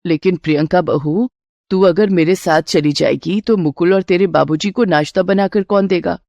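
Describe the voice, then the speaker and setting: A woman voicing a resourceful middle-aged mother-in-law in an animated storybook, speaking in a calm, motherly, matter-of-fact way. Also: on the low side, moderate pace, no room sound, highs cut off, close to an everyday voice. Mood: reassuring. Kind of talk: storybook character voice.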